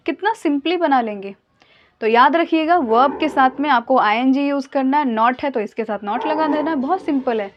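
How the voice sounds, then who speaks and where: A woman with a high voice teaches English grammar in Hindi. She explains each point patiently and slowly repeats her example sentences. The recording sounds a little dull and lo-fi. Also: slight background noise.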